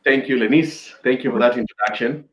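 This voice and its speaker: Chatting over a video call, this male host runs a casual interview, laughing often and using plenty of fillers. He speaks with a mid-range voice at a slightly quick pace, recorded in an echoey room.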